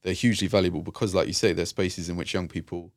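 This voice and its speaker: A man's voice: low-pitched, steady tone, fast talker, no room sound, clean studio sound. A man working with young people, speaking reflectively in an interview with many fillers and restarts. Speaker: youth and community worker, guest. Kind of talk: conversational interview.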